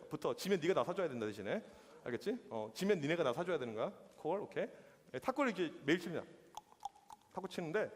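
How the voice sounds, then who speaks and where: A youth pastor in his forties preaches in a quick, bouncing voice that sits high for a man and swings widely in pitch. He acts out the dialogue in his stories and laughs often. The sound carries a long reverb from the church hall. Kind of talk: youth sermon with comic stories.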